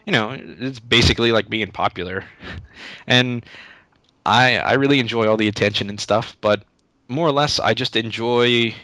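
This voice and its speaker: A man's voice: mid-range voice, normal speed, bright, forceful tone, no room sound. A young man answering interview questions in a casual, rambling way, often restarting his sentences. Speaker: YouTube Let's Play creator, interview guest.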